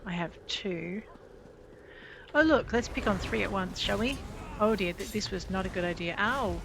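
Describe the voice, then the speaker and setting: Hosting a gaming video in character, a woman chats playfully to herself and her in-game companions, genteel in manner with mild exclamations. Her medium-pitched voice is expressive, with a moderate pace and some vocal fry, set against a noisy background.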